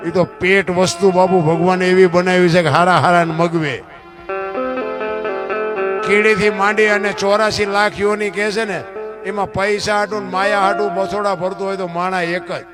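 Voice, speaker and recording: A man speaks in a high voice, delivering a folk storytelling discourse. He keeps asking rhetorical questions and dropping folksy asides. Clear plucked-string music plays under him. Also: steady tone, normal speed.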